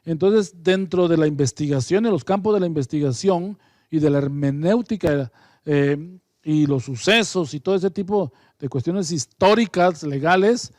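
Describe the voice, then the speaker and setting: A man with a Guatemalan accent leads a Bible study in a fairly high voice. He moves between reading scripture aloud and explaining it in a relaxed, conversational way, often pausing on fillers and correcting himself. The recording is dry and close, with no echo. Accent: Guatemalan Spanish. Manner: hesitant, with frequent fillers and self-corrections.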